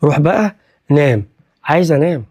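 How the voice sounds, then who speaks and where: A man's voice: on the high side, animated, fairly quick, a little mellow. A man with an Egyptian accent voicing a busy, short-tempered middle-aged father who talks in curt, irritable bursts. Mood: irritated.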